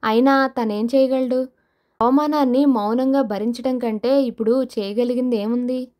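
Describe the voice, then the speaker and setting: A woman reads a suspense novel aloud in a steady, measured way. Her voice is fairly high and keeps the telling even as the story unfolds. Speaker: audio novel narrator. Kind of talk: scripted narration of a suspense novel.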